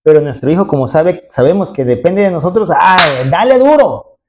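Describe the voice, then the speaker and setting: Speaking briskly in a mid-range voice over some background noise, a preacher addresses his congregation with emphasis. Rhetorical tag questions come often, and he performs the quoted voices himself.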